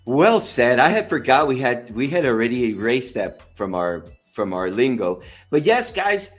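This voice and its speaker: A man's voice: mid-range voice, very animated, normal speed, faint music behind. A man co-hosting a casual sports talk show, enthusiastic and rambling, mixing in Spanish phrases. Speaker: co-host. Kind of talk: casual bilingual sports chat.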